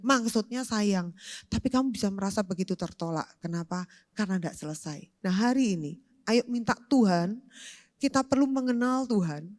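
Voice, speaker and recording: A woman pastor, preaching a lively youth sermon and switching between loud outbursts and quiet talk. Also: a little high. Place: church hall. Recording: long church hall reverb.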